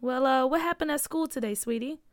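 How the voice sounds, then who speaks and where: A woman voicing a gentle, patient mother in a storybook reading. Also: sits high, brisk, dry recording, clean studio sound, natural voice.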